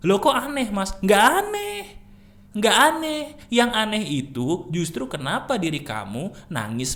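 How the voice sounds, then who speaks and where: A man's voice: on the high side, fairly bright tone. A man hosting a motivational channel, giving an emphatic, preachy talk in a casual tone. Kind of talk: motivational monologue.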